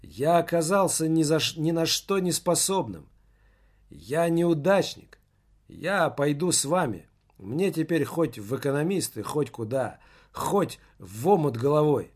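A worn-out teenage boy speaks in slow, self-pitying phrases, as a male audiobook reader plays him. His voice sits a little high. He turns sharply defiant when he is held back. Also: animated, breathy edge. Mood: despairing.

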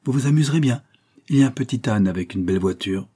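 A man voicing a kindly young nursemaid who speaks in a cheerful, coaxing way, with a husky voice. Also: mid-range voice, animated, fast talker, dark tone.

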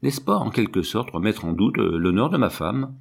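A man's voice: lowish voice, big pitch swings, normal speed, vocal fry, slightly rough, heavily acted. A man voicing a brusque, defensive young husband in a read-aloud novel. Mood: indignant. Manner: curt, defensive.

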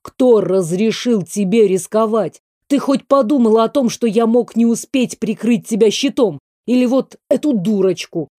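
Stern male mage dean read by a woman, gruff, curt commands, mellow low tone, dry close sound. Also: normal speed, hardly any pauses, no echo, close to an everyday voice. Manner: curt and commanding, then gently scolding. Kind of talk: audiobook character reading.

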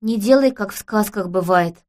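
A woman reading an audiobook, voicing a calm, earnest young woman who speaks in a serious, matter-of-fact way. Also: medium pitch, normal speed, lightly acted.

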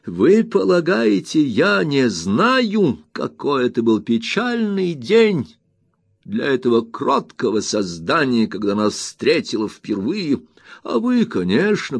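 A man reading aloud, voicing a stern and indignant elderly aunt who scolds in slow, emphatic phrases. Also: medium pitch, no echo, clean studio sound.

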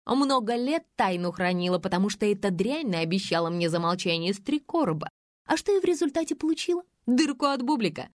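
A woman reading an audiobook, voicing a brash, spiteful, scheming woman with a shrill, mocking manner. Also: big pitch swings, brisk, no echo, clean studio sound, close to an everyday voice. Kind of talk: audiobook character voice.

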